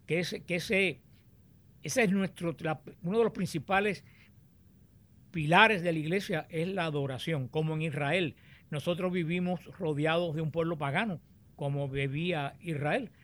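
A man teaching on the Bible, explaining and reading scripture aloud in a deliberate, explanatory way. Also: on the high side, a bit bright.

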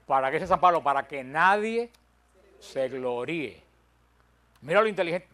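An older man leads a Bible study, his voice sitting a little high for a man. He stresses each point he counts off and slips into humorous stories that poke fun at himself. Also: lively intonation, normal speed, fairly bright tone. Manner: humorous, self-deprecating storytelling; emphatic, counts points aloud. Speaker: Bible teacher.

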